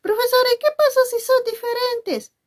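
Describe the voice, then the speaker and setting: A woman doing a squeaky, eager student. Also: fairly even intonation, moderate pace. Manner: insistent, questioning. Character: eager young student pestering the teacher.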